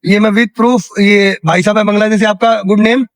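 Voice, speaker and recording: A man's voice: high voice, fairly even intonation, moderate pace, no room sound. A young Indian man from India hosting a street interview vlog outdoors in a city square, chatty and repeating answers back for his viewers. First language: Hindi. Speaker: travel vlogger interviewing a worker.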